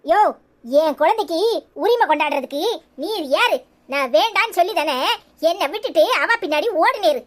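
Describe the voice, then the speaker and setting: Brief: defiant, sharp-tongued pregnant young cartoon woman, voiced by one actor, Tirunelveli Tamil, very high voice. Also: lively intonation, moderate pace. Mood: angry. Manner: defiant, scolding. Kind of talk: cartoon comedy dialogue.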